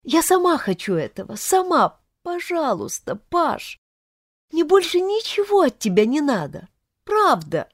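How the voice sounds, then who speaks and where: A woman reading an audiobook, voicing a young woman who pleads tearfully and in a high voice. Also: big pitch swings, unhurried, no echo, studio quality. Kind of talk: audiobook character voice.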